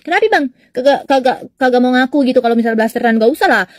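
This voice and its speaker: High, very fast woman, teasing commentator, dry close sound. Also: steady tone, dry recording. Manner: teasing, mocking. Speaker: content creator commenting.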